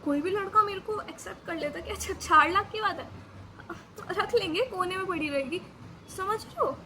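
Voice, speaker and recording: A woman's voice: very high-pitched, moderate pace, background noise. A young woman vlogger telling a panicked personal story in casual chat, acting out her own lines dramatically. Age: young adult. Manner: dramatic, re-enacts panicked dialogue. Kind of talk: storytelling vlog.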